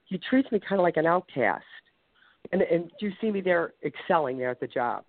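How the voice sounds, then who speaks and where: A woman's voice: on the low side, lively intonation, fairly quick, no echo. A chatty woman from Ohio calling in to a radio show over the phone, rambling a little and laughing easily. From Ohio, USA. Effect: caller heard over a phone line. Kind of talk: casual call-in question. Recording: tinny phone line, dry.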